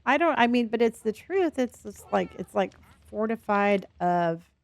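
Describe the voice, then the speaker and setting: Slow-talking woman who says w for r. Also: medium pitch, animated, vocal fry. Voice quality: speech impediment, cannot pronounce R's, says w for r. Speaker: live streamer. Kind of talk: casual live game stream commentary.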